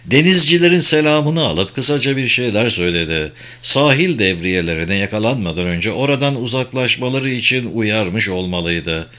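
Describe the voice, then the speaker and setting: Male audiobook narrator: low-pitched, bright and forceful, steady read. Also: moderate pace, hardly any pauses. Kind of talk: scripted narration.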